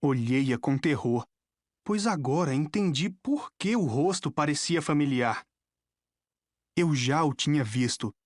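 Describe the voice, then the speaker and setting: A woman with a Brazilian accent narrating an audiobook in a dramatic, expressive storytelling manner. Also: low-pitched, unhurried, no echo, clean studio sound. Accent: Brazilian Portuguese. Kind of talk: scripted narration.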